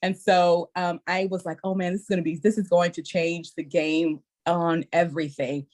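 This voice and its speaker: Woman educator guest, animated storyteller who acts out children's voices. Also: lowish voice, normal speed. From Texas. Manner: lively, acts out kids' voices with squeals. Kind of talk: animated storytelling in podcast chat.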